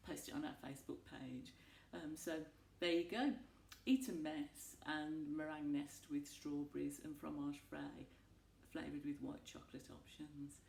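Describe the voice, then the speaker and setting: A woman's voice: deep voice, steady tone, a little slow, vocal fry, hardly any pauses, a little mellow. A woman giving a chatty cooking demonstration in a home kitchen, talking to viewers with homely asides. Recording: echoey room, mic at a distance.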